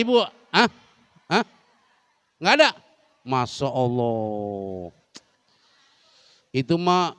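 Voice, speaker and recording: A man's voice: high-pitched, vocal fry, a bit bright, clear, resonant tone, no room sound. A man teaching a humorous Islamic study lesson in a large mosque, joking and constantly quizzing the women listening. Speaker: religious teacher.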